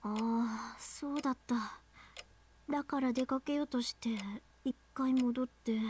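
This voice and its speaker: A woman's voice: a little high, steady tone, brisk. Rin Tohsaka, a proud, feverish schoolgirl magus. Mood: faint drowsy. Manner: curt and sharp, then faint and drowsy. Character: proud teenage girl magus, feverish and weak. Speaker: visual novel character. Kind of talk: Japanese game voice acting. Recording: game audio with clear music behind.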